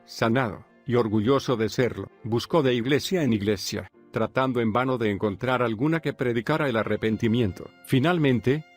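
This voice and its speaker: A man reading a scripted biographical documentary narration in a steady, measured storytelling manner. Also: medium pitch. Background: soft background music.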